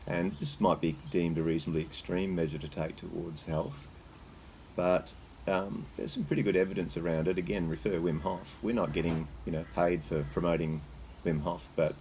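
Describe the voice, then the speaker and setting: An Australian man talking casually and haltingly as host, with a slight cold shiver in his voice as he sits in icy water. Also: deep voice, darkish tone, a little hiss or hum, poor audio. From Queensland, Australia. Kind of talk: casual unscripted talk. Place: sitting in a freezer full of icy water.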